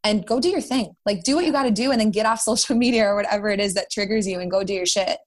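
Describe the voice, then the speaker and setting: A woman's voice: medium pitch, racing. A woman with a Minnesota accent speaking as a podcast guest, casually and earnestly, addressing listeners directly. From Minnesota, United States. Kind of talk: casual, earnest conversational storytelling and advice.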